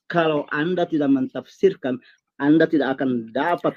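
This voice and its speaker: A man's voice: fairly high pitch, normal speed, a little mellow, muffled recording. A man defending his view in a heated online debate, asking for time to explain, from Indonesia. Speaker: Islamic teacher in debate.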